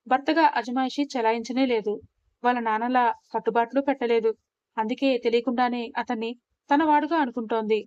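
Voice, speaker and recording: A woman reads a romantic audio story in a steady, expressive voice. Her pitch sits fairly high. The recording is dry and slightly muffled. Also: no echo. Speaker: story narrator. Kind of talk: scripted audio story narration.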